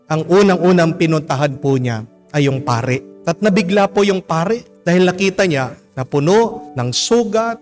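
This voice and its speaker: Gentle priest telling a homily story. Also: male voice, on the high side, lively intonation, moderate pace, soft background music. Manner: gentle, polite storytelling with frequent respectful particles.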